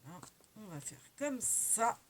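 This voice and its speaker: A woman's voice: medium pitch, sing-song, unhurried, noisy background. A woman casually showing her craft-supply purchases in a chatty, hesitant way, correcting herself often. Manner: chatty, many fillers and self-corrections. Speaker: crafting vlogger.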